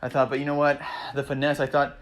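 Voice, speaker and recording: A man casually recapping fight results, excitable and rambling, swearing freely and peppering his talk with "man" and "you know". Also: mid-range voice, fast. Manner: acts out fighters' thoughts in quoted asides. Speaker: MMA vlogger recapping fights.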